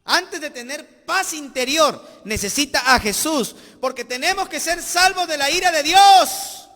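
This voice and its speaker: A man's voice: very high voice, expressive, measured pace, pushed and bright. A pastor with a Peruvian accent preaching a sermon emphatically, often repeating his phrases. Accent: Peruvian Spanish. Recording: reverberant church hall.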